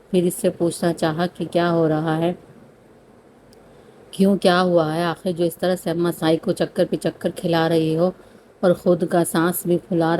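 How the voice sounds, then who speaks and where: Low, flat-voiced woman narrating a novel. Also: slight background noise. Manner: steady reading with slips and restarts. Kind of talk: scripted audiobook narration.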